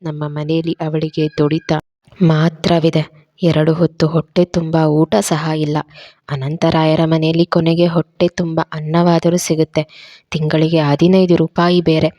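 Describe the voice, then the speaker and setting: Woman narrator voices a calm, patient aging mother; low and dry. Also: measured pace, no room sound. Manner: calm, soft-spoken.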